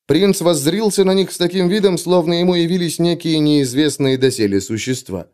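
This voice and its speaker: A man reading an adventure story aloud as narrator, in steady, dramatic storytelling. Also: a little high, a little fast. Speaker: audiobook narrator. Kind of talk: scripted narration.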